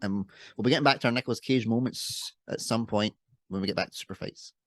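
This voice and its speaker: A man's voice: fairly low pitch, quick pace, a bit bright, no echo. A young man co-hosting a casual podcast chat, joking and rambling with frequent laughs. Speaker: podcast co-host.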